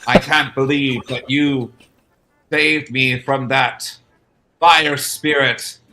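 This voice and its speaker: A man playing a disguised town guard with a shaky stab at a Scottish accent, loudly apologizing in public. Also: medium pitch, steady tone, slow pace, background noise, close to an everyday voice. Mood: overwrought. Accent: failed attempt at Scottish. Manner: loud, theatrical public apology. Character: overwrought, tearful disguised male town guard.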